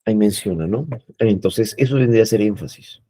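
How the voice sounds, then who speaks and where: A man's voice: lowish voice, fairly quick, dark tone, no room sound. A man giving an explanatory lecture as a teacher, explaining patiently and often adding "no?" and "eh" as he talks. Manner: explains patiently with frequent "¿no?" and "eh" tags.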